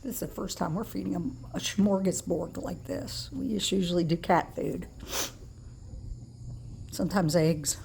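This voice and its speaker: A woman's voice: lowish voice, unhurried, vocal fry, pauses often, a little mellow, slight background noise. A woman talking casually and affectionately to animals in a folksy way, as if filming at home.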